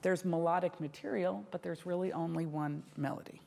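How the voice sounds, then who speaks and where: Gravelly-voiced woman coaching a violinist. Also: on the low side, a little fast. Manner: lively and demonstrative, sings rhythms, laughs often. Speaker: violin teacher giving a masterclass. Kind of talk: coaching a student in a masterclass. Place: concert hall stage at a music competition. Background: violin and piano playing faintly.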